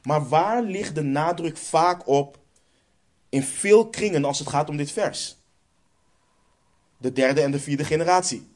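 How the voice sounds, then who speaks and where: A man's voice: on the high side, unhurried, long pauses. A man with a Dutch accent preaching a sermon, emphatic and stressing points by repeating phrases.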